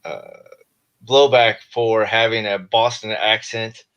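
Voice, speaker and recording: Low-voiced man on a dull call line. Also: little pitch movement, takes it slowly, a bit bright, clear, resonant tone. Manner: laid-back, swears, hesitant restarts. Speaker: co-host on a video call. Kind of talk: casual chat. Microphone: video call. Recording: dull lo-fi video call audio.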